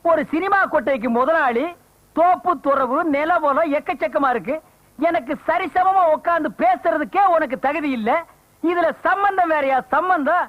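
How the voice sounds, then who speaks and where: An actor playing a boastful, hot-tempered, middle-aged village husband who brags and scolds in a comedy film. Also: male voice, very high-pitched, normal speed. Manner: bragging, scolding, quarrelsome. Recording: dull lo-fi film audio.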